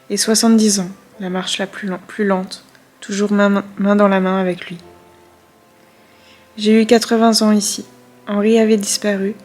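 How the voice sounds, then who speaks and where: A woman's voice: medium pitch, a little mellow, lightly acted. A woman reading aloud in the voice of an elderly grandmother who looks back on her life with grief and tenderness.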